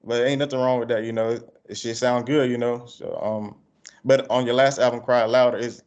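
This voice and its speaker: A man's voice: mid-range voice, steady tone, moderate pace, a little mellow. A man with a country Southern drawl from Georgia conducts a casual interview. His speech is loose and slangy, and the audio is dull and lo-fi. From Georgia, United States.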